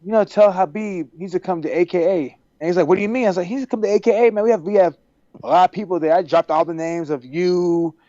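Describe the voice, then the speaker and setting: A man from Texas, a podcast guest on a video call, telling stories in a casual, animated way and acting out the dialogue. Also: high-pitched, fast talker, no echo. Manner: animated, acts out quoted dialogue. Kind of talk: casual storytelling. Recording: dry, dull video-call audio.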